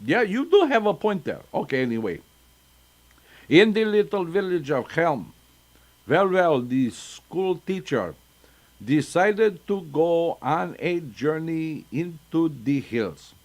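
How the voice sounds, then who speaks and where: A man's voice: fairly high pitch, sing-song, slow. An older man reading folktales aloud to children as a storyteller, chatty and breaking off into asides. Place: synagogue.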